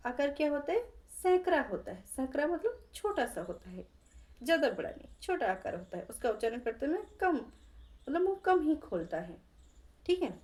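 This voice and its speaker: A woman's voice: high-pitched, darkish tone. A woman teaching a lesson on vowel pronunciation, patiently explaining and repeating vowel sounds for learners to copy. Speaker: Hindi grammar teacher.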